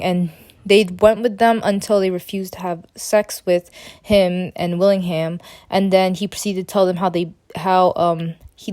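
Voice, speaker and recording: A young woman co-presenting a student podcast, summarizing a case in an unscripted, halting way with many fillers and restarts. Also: medium pitch, a little mellow, clear, resonant tone.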